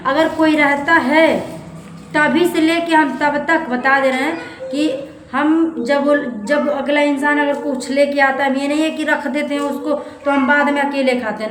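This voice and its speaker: Indoors in a rented room that echoes and has clear background noise, a high-pitched young woman confides in her vlog audience. This family vlogger from eastern Uttar Pradesh, India, speaks Hindi with a Bhojpuri accent, sounding casual and plaintive and often repeating her phrases.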